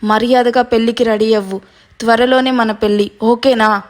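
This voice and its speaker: Scheming young man, threatening, domineering, woman reader putting him on, raised pitch. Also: fairly even intonation, moderate pace, close to an everyday voice. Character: scheming menacing young man, vengeful groom.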